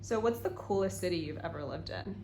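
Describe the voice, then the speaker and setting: A woman's voice: lowish voice, a little fast, mellow, a little hiss or hum. A woman interviewing a startup founder, asking short questions and reacting upbeat with "cool" and "awesome". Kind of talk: casual interview.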